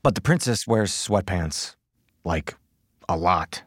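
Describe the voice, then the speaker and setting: An actor from the United States playing an easygoing, awkward young American commoner who stammers and hesitates. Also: male voice, low voice, lively intonation, slow pace, fairly bright tone, husky, no room sound, studio quality, full character voice. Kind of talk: audio drama acting.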